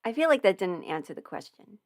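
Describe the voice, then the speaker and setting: Her pitch is medium, her intonation swings widely, and she talks fairly quickly. The woman is a livestream host and voice performer taking viewer questions at a desk in her home, keeping things casual and reasoning aloud as she goes.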